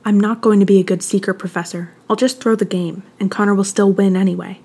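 A reluctant schoolboy, read by a woman, answers in a grudging, low-spirited voice. The tone is mellow and slightly husky, with little rise and fall. It sounds like a quiet fan fiction audiobook reading. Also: steady tone, fast talker. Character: reluctant schoolboy, cowed and defiant.

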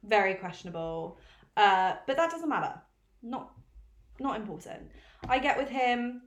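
A young woman co-hosting a podcast, chatting casually in an animated, self-mocking way and swearing freely. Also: medium pitch, a little slow, highs cut off. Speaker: podcast co-host. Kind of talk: casual chat. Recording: roomy echo.

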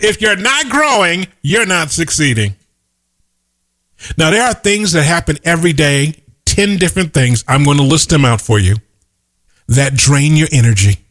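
Middle-aged guy giving a pep talk, voice swings up and down a lot, kinda high for a man, hammers his points twice. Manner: emphatic, repeats key lines for effect. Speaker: motivational speaker. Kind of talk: motivational monologue.

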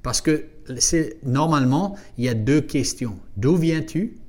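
A man's voice: on the high side, expressive, measured pace, darkish tone. Jokey man, English native speaking French. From United States. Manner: self-deprecating, jokey storytelling, laughs at himself. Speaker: podcast co-host. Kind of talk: casual conversation.

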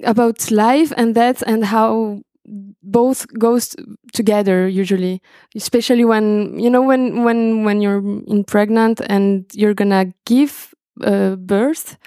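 The young Brazilian guest musician now sounds mid-range, slow and dark-toned, with fairly even intonation. Interviewed over a video call from inside her home, she often halts to search for words. The audio is dry and studio-clean.

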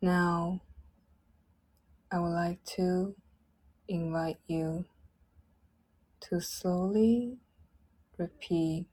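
A woman leading a guided loving-kindness meditation in a soft, gentle, drawn-out way. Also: fairly low pitch, fairly even intonation, husky, poor audio.

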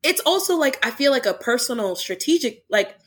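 Young woman podcast host, somewhat high voice, earnest, rambling casual delivery. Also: big pitch swings, fairly quick, fairly bright tone, husky. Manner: earnest, lots of "like" fillers. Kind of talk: casual chat.

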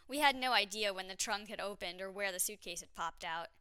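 A woman's voice: medium pitch, fairly quick, pushed and bright, clear, resonant tone, dry recording. A woman narrating her own travel story in a candid, wry, self-mocking way.

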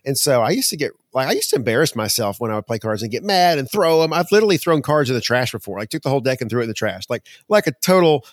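A man co-hosting a podcast in casual chat, talking earnestly and getting animated as he recounts his frustrations. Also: medium pitch, very fast, few pauses, no echo, studio quality. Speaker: podcast co-host.

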